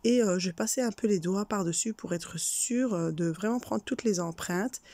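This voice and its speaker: Here the Belgian cake decorating host, congested from a cold, narrates a casual tutorial warmly and hesitantly, with many fillers. She speaks at a normal speed in a mid-range voice with a warm tone. No room sound comes through.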